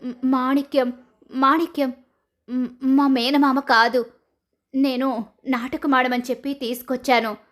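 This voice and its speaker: Woman doing a high, stammering young wife, pleading and scared. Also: flat delivery, unhurried, pauses often. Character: frightened young daughter-in-law caught lying.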